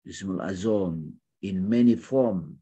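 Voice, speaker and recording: Husky-voiced man musing on faith. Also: deep voice, slow. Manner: swings from hushed musing to loud chanted takbir. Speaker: speaker in religious study session. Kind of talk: reflective spiritual talk.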